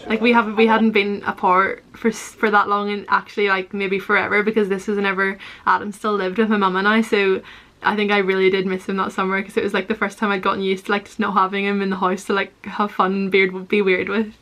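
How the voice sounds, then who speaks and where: A woman's voice: medium pitch, flat delivery, fast talker, a bit bright. Chatty young woman. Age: young adult. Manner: chatty, self-deprecating, giggly. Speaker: vlogger. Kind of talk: casual reaction commentary.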